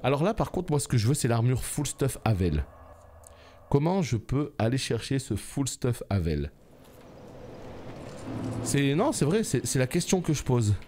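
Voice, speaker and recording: A man giving live gameplay commentary, shouting, pleading and joking sarcastically at the boss he fights. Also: medium pitch, a little slow, pauses often, slight background noise. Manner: excitable, yells and pleads at the boss; teasing, sarcastic banter. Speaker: gaming YouTuber.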